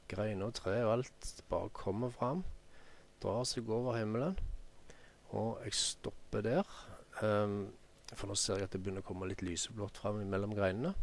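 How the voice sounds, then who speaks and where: A man with a Norwegian accent giving an unhurried software tutorial, thinking aloud with many ums as he works. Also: lowish voice, a little hiss or hum. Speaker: photo editing tutor. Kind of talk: screen-recorded software tutorial.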